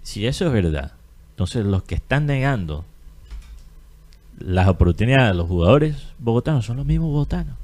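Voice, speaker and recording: A man's voice: mid-range voice, big pitch swings, moderate pace, darkish tone. A man with a Colombian Caribbean coast accent, co-hosting a casual opinion chat and arguing his point with rhetorical questions. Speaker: podcast co-host.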